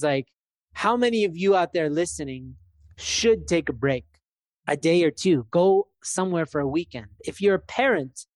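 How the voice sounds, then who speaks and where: A man's voice: fairly high pitch, no echo, studio quality. A man in his thirties, co-hosting a podcast in casual chat, talking in a loose, reflective way with many fillers. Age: 30s. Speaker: podcast co-host.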